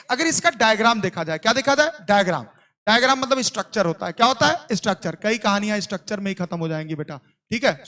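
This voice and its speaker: A man's voice: very high voice, pushed and bright. A man teaching a coaching class, keeps firing questions and repeating answers, teasing and scolding sleepy students. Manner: call-and-response questioning; playful scolding. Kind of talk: classroom lecture.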